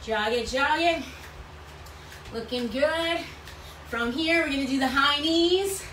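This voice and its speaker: Woman, aerobics instructor, bright forceful tone, encouraging counts and repeated cues, echoey room with background noise. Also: sits high, takes it slowly. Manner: encouraging, repetitive cueing while exercising. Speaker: fitness instructor leading a workout. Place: small bright room at home, indoors. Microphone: camera or phone several feet away. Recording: roomy, distant mic, clear background noise.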